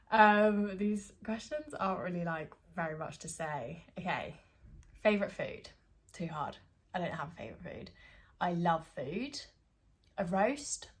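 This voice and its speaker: A woman, chatting casually to her phone camera at home with plenty of fillers and giggles. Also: on the low side. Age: 20s. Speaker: vlogger.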